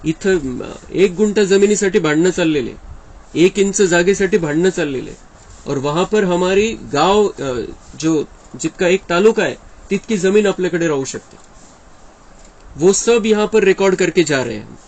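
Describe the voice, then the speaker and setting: A man's voice: high-pitched, expressive, moderate pace, darkish tone, poor audio. A man giving an earnest devotional discourse, explaining and often quoting his teacher. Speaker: spiritual speaker explaining a daily discourse.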